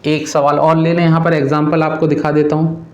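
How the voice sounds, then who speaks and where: A man's voice: a little high, completely flat delivery, fairly quick, darkish tone, roomy sound, highs cut off. A male teacher who explains a math lesson to children patiently, repeating each step and calling the students "beta".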